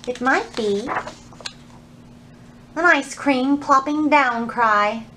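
The librarian, a woman in her thirties, hosts children's storytime indoors, lively and expressive and speaking right to her young audience. Her high voice draws words out, and the low-quality recording carries a little hiss or hum.

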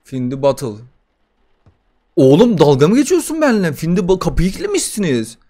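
A young man doing casual gaming commentary, excitable and profane, bantering with the game as he plays a horror title. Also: on the high side, brisk. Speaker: gaming YouTuber.

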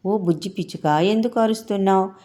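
A woman's voice: medium pitch, brisk, mellow, pitched above the performer's own voice, natural voice. Woman doing a sweet little girl. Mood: kind.

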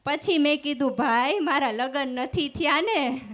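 On stage before a live audience, a female stand-up comedian with a high voice speaks into a microphone at a somewhat slow pace. She tells stories from her shows, acting out both sides of each exchange before delivering the punchline.

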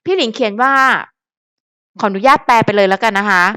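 A woman's voice: mid-range voice, a little fast, a bit bright, smooth, no room sound, studio quality. A young woman chatting casually to her viewers as a fan vlogger, calling herself by her nickname and thinking aloud as she goes. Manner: talks to viewers directly, musing aloud. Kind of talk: casual chat.

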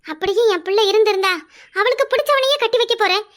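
A woman's voice: extremely high pitch, fast. A woman voicing a pleading, tearful middle-aged mother of a bride, speaking with a Kanyakumari Tamil accent. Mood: distressed. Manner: emotional, pleading, often on the edge of tears. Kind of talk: cartoon voice acting.

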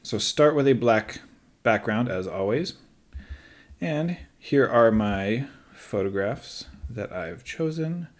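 A man who is a teacher, calmly talking through a screen-recorded software tutorial step by step, with light joking asides. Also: medium pitch, takes it slowly.

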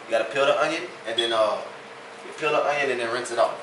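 A young man with a Louisiana accent jokes and teases in a laid-back way while cooking in his home kitchen for his cooking vlog. His voice is mid-range and quick, recorded on a phone camera sitting on the counter, with an echoey kitchen sound and background noise from a noisy crowd.

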